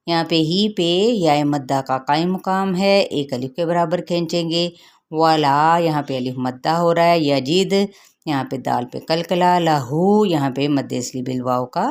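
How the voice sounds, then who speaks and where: A middle-aged woman teaching Quran recitation rules, explaining patiently and asking her students questions as she goes. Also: low-pitched.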